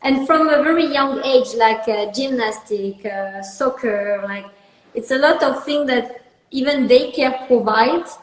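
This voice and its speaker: A woman's voice: high-pitched, measured pace. A young adult woman with a French accent chatting casually as a podcast co-host. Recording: echoey, reverberant room.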